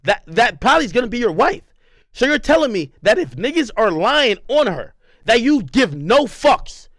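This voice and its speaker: A young man arguing heatedly in a podcast confrontation, animated and interrupting, repeating himself. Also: extremely high pitch, moderate pace, dry recording. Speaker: streamer confronting a podcast host. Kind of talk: heated argument.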